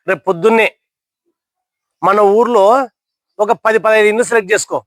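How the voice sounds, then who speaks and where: A man's voice: high-pitched, a bit bright, no echo. A young man telling a motivational story to listeners, asking them questions and acting out characters' lines.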